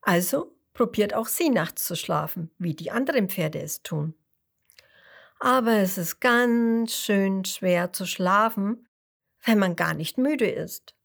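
A woman narrating a children's bedtime story gently and expressively, dropping into whispers and asking the listener questions. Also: medium pitch, lively intonation, slow, vocal fry.

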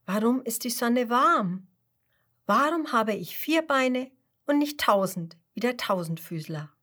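Slow, gentle woman storyteller. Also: on the high side, expressive. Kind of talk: children's story reading.

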